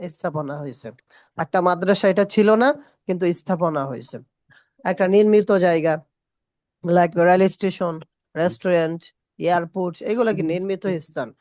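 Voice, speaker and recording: A woman teaching a spoken English class, repeating short English phrases slowly and quizzing her students. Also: lowish voice, a little mellow, no room sound, clean studio sound. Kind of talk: classroom lesson.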